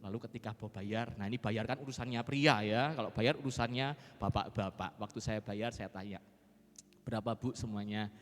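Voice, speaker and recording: A male pastor preaching a sermon. He swings between soft asides and loud emphasis, and he speaks directly to his congregation. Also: fairly low pitch, brisk, few pauses. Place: large church hall. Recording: reverberant church hall with music behind.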